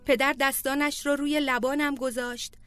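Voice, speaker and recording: A woman with a high voice reads a personal memoir in a heartfelt, measured way. Soft music plays faintly behind her as she tells the story. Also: little pitch movement. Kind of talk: emotional memoir narration.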